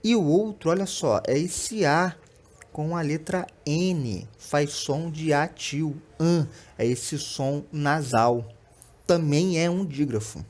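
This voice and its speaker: A young adult man's slightly high, slightly mellow voice carries a patient online lesson over slides. He has a Brazilian Portuguese accent and keeps checking on his students with short tags like "tá?" and "né?".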